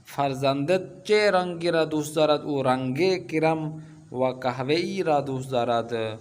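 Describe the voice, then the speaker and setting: Man teaching Persian, explaining patiently. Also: fairly high pitch. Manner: explains slowly with many filler sounds; reads Persian sentences, then explains in Urdu. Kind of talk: online language lesson.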